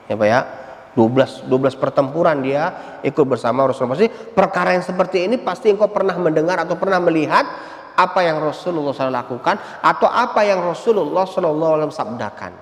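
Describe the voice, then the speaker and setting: A man giving a lively sermon, often calling his listeners "Pak" and reciting Arabic verses slowly. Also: on the high side. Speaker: religious teacher. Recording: echoey hall.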